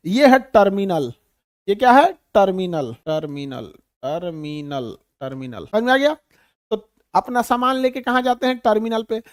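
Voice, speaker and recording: A man from Bihar with a Bihari Hindi accent, teaching a class in an animated, humorous way and calling his students "babu". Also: very high-pitched, no room sound, clean studio sound. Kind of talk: classroom lecture.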